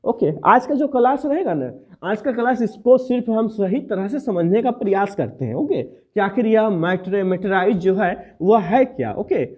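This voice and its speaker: A man's voice: sits high, lively intonation, normal speed, few pauses, darkish tone, husky. A man with a Bihari Hindi accent teaching a math lesson, repeating points step by step and quizzing the viewer. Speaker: math tutor. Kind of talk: classroom lecture. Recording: tinny phone-like audio.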